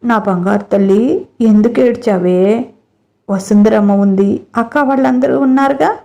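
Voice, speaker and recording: A woman voicing a loving motherly caretaker who gently coaxes and soothes a small child. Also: fairly high pitch, a little slow, gravelly. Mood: tender. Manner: tender, coaxing, fond.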